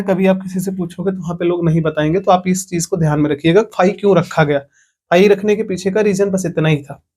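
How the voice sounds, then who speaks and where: A man with a high voice is teaching an online maths lesson. He goes through each point step by step. He often asks the class whether they follow. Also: dark tone. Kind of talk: online lecture.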